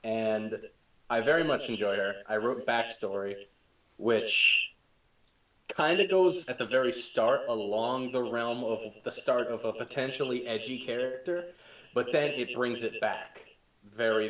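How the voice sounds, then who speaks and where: Telling stories with excitement, laughter and swearing, a young podcast host who serves as game master keeps the chat casual. His mid-range voice is a little slow, captured by a distant mic in a roomy space.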